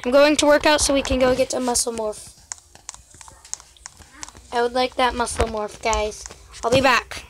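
High-voiced chatty woman gaming host. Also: fairly even intonation, normal speed, pauses often, slight background noise. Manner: chatty, keeps addressing viewers as guys. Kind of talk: casual gameplay commentary.

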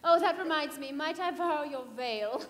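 An actress playing a tipsy, languid older chaperone, delivering her lines in a droll, drawn-out way. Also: sits high, a bit bright. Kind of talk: live stage musical acting. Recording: reverberant theatre hall.

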